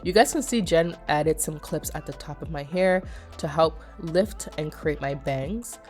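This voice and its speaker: A young woman with a deep, animated voice, a little slow and a little mellow, narrates a hair vlog as a casual voice-over with soft music underneath. A beauty vlogger, she explains things chattily to "you guys," sounding a bit nasal from a cold.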